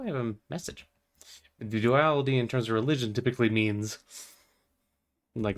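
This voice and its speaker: Young guy gaming and rambling, lots of likes and ums, kinda low voice. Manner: meandering, filler-heavy, playful, easily distracted. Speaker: gaming vlogger. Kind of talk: casual rambling commentary while playing.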